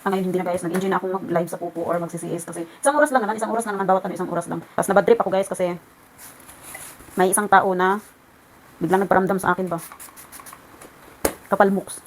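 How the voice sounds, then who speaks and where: A woman's voice: lowish voice, fairly even intonation, fast talker, long pauses, a little hiss or hum, low-quality recording. A woman vlogger chatting to her viewers while ironing at home, in a rambling, ranting way. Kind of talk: casual chat.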